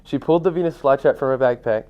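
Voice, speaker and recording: A teenage male student reading a children's book aloud in a steady, plain voice with small slips. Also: mid-range voice, fast talker. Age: late teens. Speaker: student reader. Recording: dull lo-fi sound.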